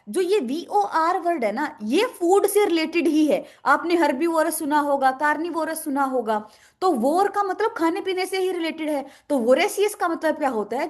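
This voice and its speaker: A woman teaching English vocabulary, asking questions and answering them herself, repeating each word. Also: high voice. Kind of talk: explaining in a lesson with memory tricks.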